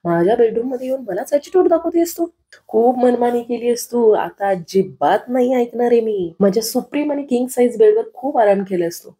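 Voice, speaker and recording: A woman's voice: mid-range voice, brisk, few pauses, dark tone, breathy edge. A woman voicing a brash indignant young husband. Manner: bossy, indignant.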